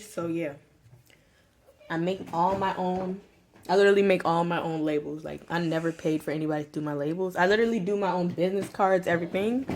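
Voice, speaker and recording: Chatty young woman, lowish voice. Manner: chatty, filler-heavy, addresses viewers as y'all and you guys. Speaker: small business owner. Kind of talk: casual tutorial vlog. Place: home room.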